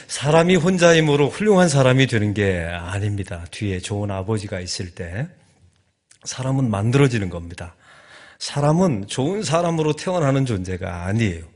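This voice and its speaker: A middle-aged man from Chungcheong with a Chungcheong Korean accent, preaching a lively, joking sermon as a guest pastor in a church. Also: medium pitch, fairly quick, hardly any pauses. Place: church sanctuary.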